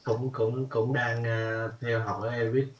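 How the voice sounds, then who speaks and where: A man's voice: mid-range voice, level tone, unhurried, far from the mic, slight background noise. A man joining a video call as a student, speaking hesitantly with repeated words and fillers. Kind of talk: casual chat on a video call.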